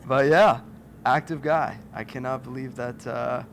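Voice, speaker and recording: Male co-host, mid-pitched, relaxed banter on golf. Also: a little slow, a little hiss or hum. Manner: easygoing, laughs along. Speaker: podcast co-host. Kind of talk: casual chat.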